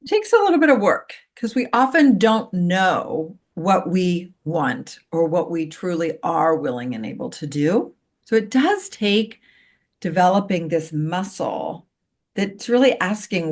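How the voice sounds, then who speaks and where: A middle-aged woman, a co-parenting coach, explaining her ideas calmly as a podcast guest and walking through everyday examples. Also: lowish voice, unhurried. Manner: calm, gently explanatory, gives worked examples.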